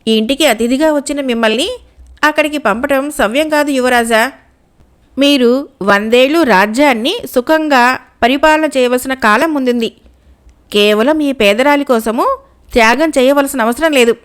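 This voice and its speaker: An earnest, selfless teenage village girl from a spoken folk tale, read by a woman narrator. She implores in a high, bright-toned voice that stays close to the narrator's own. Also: normal speed, clean tone, close to an everyday voice. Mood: imploring.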